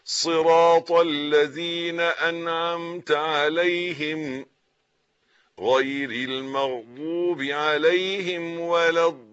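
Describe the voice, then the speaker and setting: Slow Egyptian man teaching recitation. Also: a little high, fairly even intonation, a bit bright, smooth, highs cut off. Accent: Egyptian Arabic. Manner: recites slowly, then explains quickly. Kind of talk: recitation lesson with corrections.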